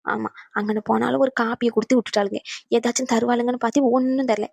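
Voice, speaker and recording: A scheming older mother from a cartoon grumbles and plots in a rapid stream of words, played by a woman. Her voice sits a little high. The sound is dry and close. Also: steady tone, vocal fry, a little mellow, husky, no echo. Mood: grumbling. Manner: grumbling, wheedling. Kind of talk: cartoon voice acting.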